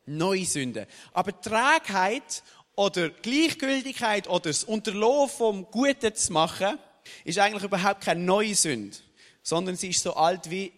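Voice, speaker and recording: A man's voice: sits high, big-room sound. A man with a Swiss German accent preaching a sermon. He speaks casually and keeps checking in with the listeners by asking "oder?". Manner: animated, casual wording.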